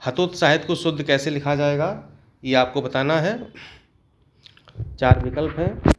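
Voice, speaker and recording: A man's voice: on the high side, measured pace. Man teaching, checks in with "okay". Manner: explains step by step, often adds a checking "okay". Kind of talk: exam-prep lesson.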